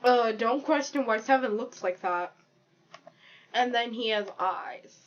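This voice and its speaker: Slow, giggly woman rambling while drawing. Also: on the high side, muffled recording. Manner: rambling, giggly, improvising a silly story aloud. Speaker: drawing video creator. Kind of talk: casual narration while drawing.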